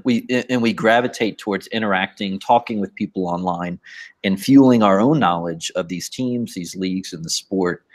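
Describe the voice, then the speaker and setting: A man talks in a loose, animated way, circling back and repeating words as he goes. His voice is fairly low. He speaks in a casual podcast-chat register. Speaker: podcast co-host, guest.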